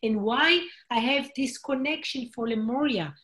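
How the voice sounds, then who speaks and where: Female host, fairly high voice, earnest manner, non-native English. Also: a little slow, a bit bright. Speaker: host of spiritual group meeting. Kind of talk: casual group talk.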